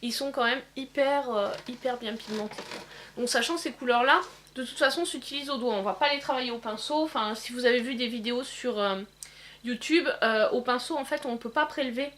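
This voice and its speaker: A woman demonstrating eyeshadow swatches in a casual vlog, pausing often with fillers. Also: fairly high pitch, a bit bright, slight background noise. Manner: hesitant, many filler pauses. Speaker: beauty vlogger. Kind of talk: casual makeup swatch demo.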